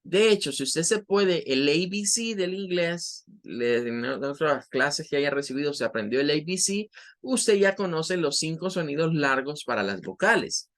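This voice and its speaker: A man's voice: a little high, animated, unhurried, fairly bright tone. A man with a Salvadoran Spanish accent teaching English vocabulary, patiently explaining pronunciation step by step and repeating sounds.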